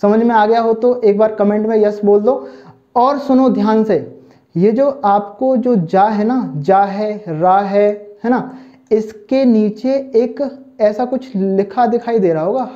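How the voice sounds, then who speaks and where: A man's voice: sits high, unhurried, dark tone. A man teaching an online lesson for exam preparation, who keeps asking whether students have understood and calls them children. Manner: keeps checking understanding with "thik hai" and "samajh mein aaya na"; addresses students fondly as children. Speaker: Hindi teacher. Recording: dull, muffled lo-fi recording.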